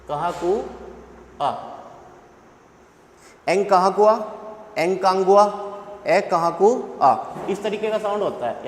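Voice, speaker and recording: A man's voice: high-pitched, darkish tone. A man teaching an exam coaching lesson, repeating rhymes and quizzing his students to drill memory tricks. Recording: echoey room with faint noise.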